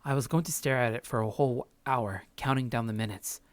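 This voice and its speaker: A let's play streamer with a medium-pitched voice reads visual novel narration aloud at a brisk clip, casual and occasionally tripping over the text. Game music plays underneath, and there's no room sound.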